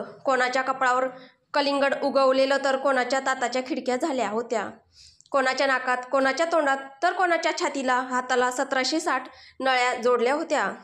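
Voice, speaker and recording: High-voiced woman telling a comic story. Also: a bit bright. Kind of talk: scripted story narration. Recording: roomy echo.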